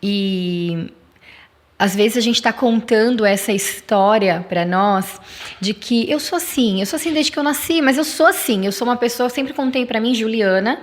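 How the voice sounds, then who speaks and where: A woman speaks as a guest in a casual podcast chat, with a voice pitched a little high. She tells a story with feeling and makes firm, faith-filled declarations. Her voice comes through a close studio mic. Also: moderate pace.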